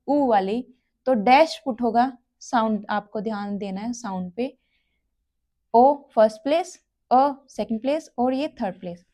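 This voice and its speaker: A woman's voice: sits high, a little mellow. A woman teaching a shorthand lesson, repeating each sound and place one by one. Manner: slow, repetitive, spells out sounds and places one by one. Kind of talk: classroom lesson explaining step by step.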